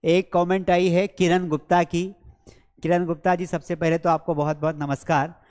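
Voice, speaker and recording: A man teaching English grammar in a live online class, repeating example sentences slowly and checking that students follow; his first language is Hindi. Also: on the high side, flat delivery, a little mellow, clear, resonant tone, big-room sound. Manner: slow, drilled repetition of example sentences; coaxing, checks understanding with repeated questions. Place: studio with a board and screens.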